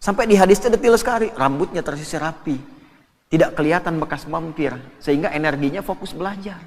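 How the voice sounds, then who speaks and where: An Indonesian man giving a lively, joking sermon to an audience, quoting Arabic scripture. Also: a little high, quick pace, big-room sound, a little hiss or hum. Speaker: preacher.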